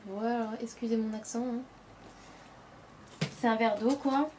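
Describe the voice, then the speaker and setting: A woman's voice: a little high, steady tone, a little slow, darkish tone, slight background noise. A young woman, chatting casually as a beauty vlogger, with many fillers and self-corrections. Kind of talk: casual product show-and-tell.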